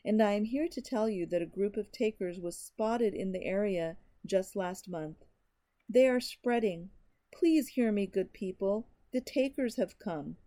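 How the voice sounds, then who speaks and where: A woman voicing a desperate male stranger who pleads and shouts an urgent warning, in a frantic, rising manner. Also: medium pitch, very animated, measured pace.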